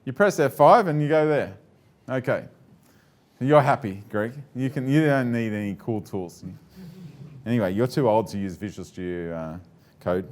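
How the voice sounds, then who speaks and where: A man's voice: mid-range voice, normal speed. A man giving a live presentation to an audience, chatty and joking, with many fillers and restarts.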